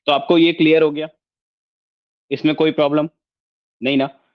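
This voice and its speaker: A man teaches an online lesson, walking through each point patiently and pausing often with check-ins. His voice sits a little high for a man. The audio is slightly dull and lo-fi. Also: little pitch movement. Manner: explanatory, mixes Hindi with English, frequent check-ins. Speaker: astrology teacher. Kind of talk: online lesson with screen share.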